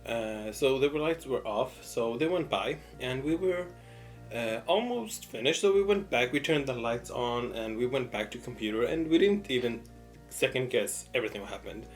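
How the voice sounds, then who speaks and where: A young man with a medium-pitched voice tells a personal story in a casual, conversational way. He repeats words for emphasis and animatedly replays quoted exchanges. Music plays behind his voice. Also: expressive, moderate pace. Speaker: mukbang storyteller.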